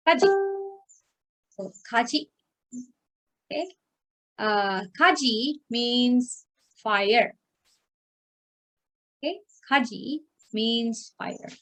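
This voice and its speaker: A woman teaching an online class, speaking slowly and a little high. She is patient, repeating phrases and asking "okay?" to check that her students follow. Her voice comes through a video call. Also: a bit bright. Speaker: language teacher.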